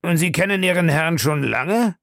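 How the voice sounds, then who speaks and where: A sly, calculating police agent, voiced by a male reader, who keeps asking smooth, probing questions. His tone is gravelly and lively in pitch. The recording is dry and close. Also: normal speed, dry recording.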